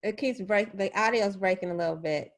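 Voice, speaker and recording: A woman hosting a casual interview over a video call, friendly and quick to laugh. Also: mid-range voice, a crowd in the background. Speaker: podcast host and interviewer.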